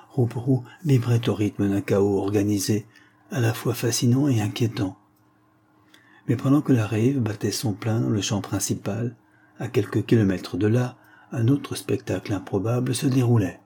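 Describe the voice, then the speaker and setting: A man reading an audiobook aloud in measured, even narration. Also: mid-range voice, husky. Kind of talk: scripted narration.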